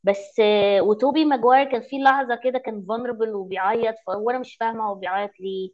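Fast Egyptian woman mixing English into Arabic. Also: fairly high pitch, fairly even intonation, lo-fi sound. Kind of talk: animated casual chat.

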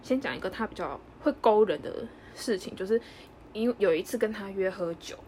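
Young woman podcast cohost, rattles off her story quick, faint hum behind. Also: medium pitch. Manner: animated storyteller, quick, acts out dialogue. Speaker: podcast co-host. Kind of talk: casual chat, storytelling.

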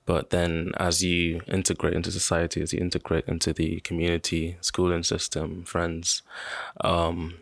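A man in his twenties from Sudan, a guest in an interview, talking casually and hesitantly with many pauses. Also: deep voice, monotone, vocal fry, no echo, studio quality. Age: 20s. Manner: hesitant, many "um"s, laughs often.

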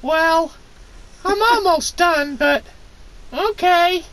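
A man voicing a whiny, giggling young male space hero in a high squealing voice. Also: extremely slow, a bit bright, full character voice, low-quality recording.

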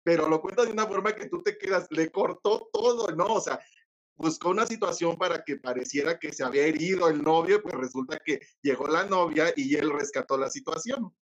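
A man's voice: a little high, brisk, lo-fi sound. A man co-hosting a casual interview, commenting in a hesitant, thoughtful way. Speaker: co-host.

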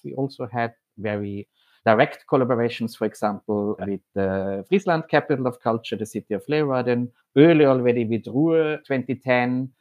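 A man from Austria, head of programs at a foundation, speaking in a measured, explanatory way with occasional hesitations. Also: medium pitch. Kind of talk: podcast interview monologue.

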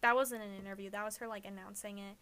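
A young woman co-hosting a casual podcast, gushing about music like an excited fan. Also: mid-range voice, fast talker. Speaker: podcast co-host. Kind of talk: casual chat.

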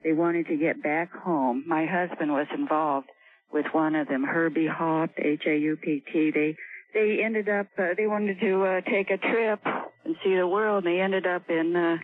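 An older woman calling in to a radio show over the phone, speaking softly and hesitantly. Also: lowish voice, steady tone, moderate pace, no echo. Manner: soft-spoken, hesitant. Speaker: caller. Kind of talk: call-in radio talk. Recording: tinny phone line, dry.

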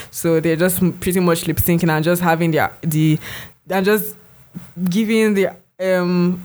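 A podcast co-host, chatting casually and rambling with many fillers and restarts. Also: mid-range voice. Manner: rambling, heavy use of "like" and restarts.

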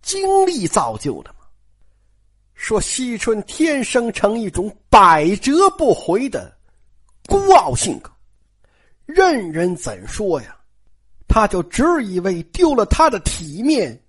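Woman storyteller, husky voice, animated pitch, chatty asides to the audience. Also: slow pace. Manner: chatty, addresses listeners directly with asides. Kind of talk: colloquial storytelling of a classic novel.

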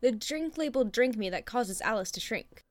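A man voicing a bright, eager young girl in a dry, close recording, in a hesitant, girlish falsetto. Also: animated, normal speed, dry recording. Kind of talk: audiobook character reading.

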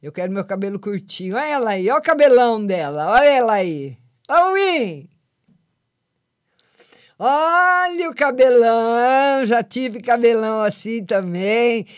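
A woman's voice: a little high, animated, normal speed, few pauses, a little mellow, no room sound, studio quality. An older woman hosting a live call-in show, chatting affectionately with callers and giving them readings. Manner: affectionate, calls callers "my lovely". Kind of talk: casual live call-in chat.

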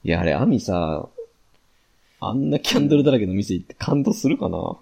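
Gravelly Kansai man chatting fast. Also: lowish voice, sing-song, mellow. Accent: Kansai Japanese. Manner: chatty, rambling with fillers. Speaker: podcast co-host. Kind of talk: casual chat.

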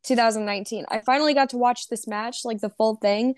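A woman's voice: on the high side, steady tone, fast talker, no room sound. A young woman who is a bit under the weather, chatting informally as a podcast co-host. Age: young adult. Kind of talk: casual fan chat about wrestling.

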